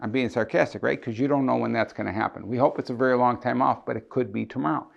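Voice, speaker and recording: A man's voice: medium pitch, quick pace, vocal fry, muffled recording. A man, an estate planning attorney, explaining legal documents to camera. He asks questions and answers them himself, often checking in with "right?".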